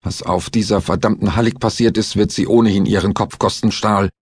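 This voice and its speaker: A man's voice: lowish voice, fairly even intonation, brisk, breathy edge, no echo. A man voicing a coarse, overweight male lawyer who whines and curses indignantly, in an audiobook thriller. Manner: whiny, indignant, cursing.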